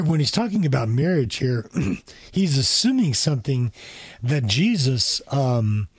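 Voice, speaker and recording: A man co-hosting a Bible study discussion, explaining a passage in a measured, thoughtful way. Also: medium pitch, darkish tone, husky, dry recording. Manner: measured, thoughtful, with small restarts. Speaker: Bible teacher co-host. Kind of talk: conversational Bible study teaching.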